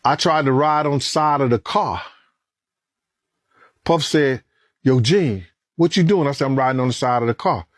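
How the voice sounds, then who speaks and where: A man's voice: moderate pace, pauses often, no room sound. Man telling a street story, dry sound. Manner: street slang, acts out quoted lines; grows louder and higher in tense moments. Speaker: former bodyguard.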